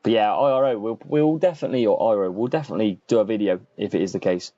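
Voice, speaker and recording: This streamer races through his casual live gaming commentary, his fairly low voice dark in tone as he addresses viewers by name. He hosts the gaming channel. The recording is dry, though muffled and lo-fi, with faint background music.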